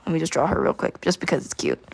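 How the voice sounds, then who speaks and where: A woman's voice: low-pitched, huge pitch swings, fast, creaky, a little mellow, husky, no echo. A woman chatting casually while she draws during a livestream art lesson, giggling and thinking aloud. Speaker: art teacher streaming live.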